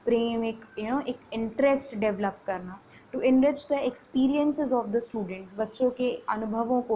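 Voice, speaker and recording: A woman's voice: on the high side, darkish tone, slight background noise, low-quality recording. A woman lecturing on teaching poetry, mixing Hindi and English, who keeps adding a "theek hai" check as she explains.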